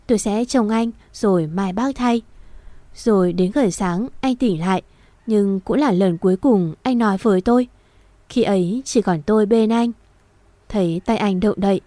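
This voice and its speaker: Woman reading a sad story, warm soft voice, dry mic. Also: medium pitch, no echo. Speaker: narrator. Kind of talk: first-person audio story reading.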